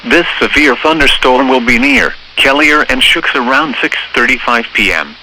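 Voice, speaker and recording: Over a noisy weather radio broadcast, an automated announcer's synthetic male voice reads scripted emergency weather bulletins. The text-to-speech delivery is formal, measured and impersonal, yet the mid-range voice sounds expressive, pushed and bright.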